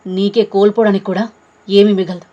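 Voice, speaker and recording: A woman's voice: mid-range voice, flat delivery, fairly quick, lo-fi sound, natural voice. Woman voicing an angry proud young man. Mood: threatening. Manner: harsh shouting commands.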